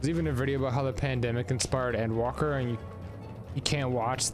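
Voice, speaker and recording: A mid-pitched man chats casually while streaming a game live. He reacts to the game and answers his viewers in a loose, friendly way. Faint game music runs underneath. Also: steady tone, quick pace. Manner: chatty, reacts to chat and game. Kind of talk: casual live gameplay commentary.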